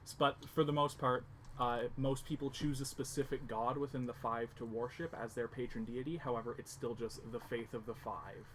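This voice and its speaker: Game master man, mid-pitched, casual and halting. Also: fairly even intonation, fairly bright tone, slight background noise. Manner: casual, halting, with many fillers. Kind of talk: narrating a tabletop game.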